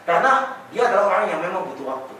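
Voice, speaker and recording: A man coaching in an interview as a sales trainer, animated, constantly addressing the listener as sir and slipping in English sales terms. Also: sits high, racing. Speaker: real estate sales trainer. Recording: echoey room, distant mic, faint noise.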